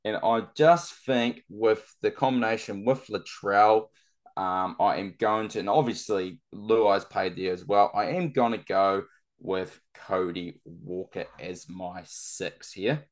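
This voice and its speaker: Male sports-chat guest, lowish pitch, laid-back and slangy. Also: takes it slowly.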